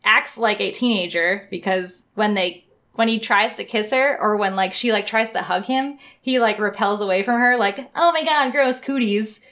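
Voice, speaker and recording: A young woman co-hosting a casual podcast chat, animated and giggly, with lots of "like" fillers. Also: mid-range voice, normal speed. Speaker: podcast co-host. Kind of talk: casual chat reviewing manga.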